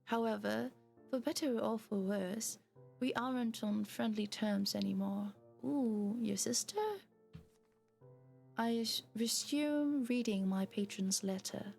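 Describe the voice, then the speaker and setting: Slow-talking gravelly woman streamer. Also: on the high side, darkish tone, soft background music. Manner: chatty, giggly, lots of "like" and "um". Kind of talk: reading a story game aloud while chatting.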